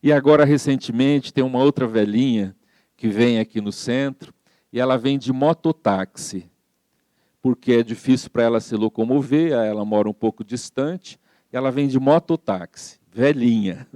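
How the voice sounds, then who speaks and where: A Brazilian man giving a spiritist sermon, telling stories gently and acting out the dialogue. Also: mid-range voice, normal speed, no room sound. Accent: Brazilian Portuguese. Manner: gentle storytelling, acts out quoted dialogue, frequent "né?". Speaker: spiritist speaker. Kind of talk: sermon with anecdotes.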